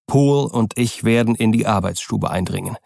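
A man voicing a stern, determined middle-aged lawyer who gives firm orders, in a gravelly voice. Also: on the low side, moderate pace, a little mellow, dry recording, clean studio sound. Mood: commanding. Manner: firm, commanding.

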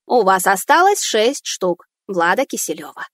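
A woman's voice: mid-range voice, big pitch swings, measured pace, a bit bright, dry recording, clean studio sound. A woman reading a story aloud, voicing a cold, formal female robot assistant with an electronic, mechanical voice. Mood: flat. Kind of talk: audiobook reading.

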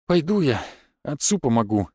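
A man's voice: fairly quick, a little mellow, dry recording, clean studio sound, lightly acted. A man voicing a shy, gloomy young village lad who mumbles glumly. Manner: mumbling, glum, low.

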